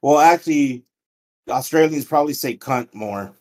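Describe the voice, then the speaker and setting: A man in laid-back podcast banter who keeps doubting and correcting what the others say. His voice is in an ordinary middle pitch. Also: moderate pace, a little mellow. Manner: skeptical, pokes holes in claims. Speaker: podcast co-host. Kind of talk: casual chat.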